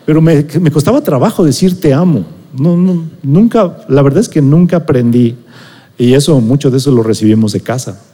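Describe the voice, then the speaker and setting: A man's voice: fairly high pitch, animated, fairly quick, mellow, in a large hall. A middle-aged man with a Mexican accent, preaching a sermon as a conversational personal story and checking in with his listeners. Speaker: pastor or preacher.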